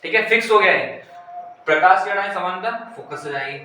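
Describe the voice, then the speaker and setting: A man's voice: high-pitched, a little fast, pushed and bright. A male physics teacher explaining a lesson, asking questions and answering them himself, repeating key terms. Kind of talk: classroom-style explanation. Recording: echoey room, mic far off, faint hiss.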